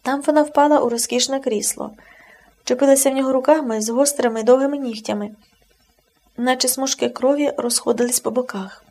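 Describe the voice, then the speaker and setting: A woman narrating an audiobook in an expressive, measured reading. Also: sits high.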